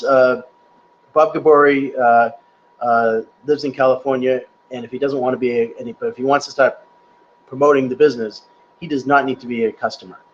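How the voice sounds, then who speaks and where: On a live stream, a man fields viewer questions in a loose, talkative style, often chuckling at his own remarks. His voice sits in the mid range, and the webcam or laptop mic gives dull audio with a little background noise.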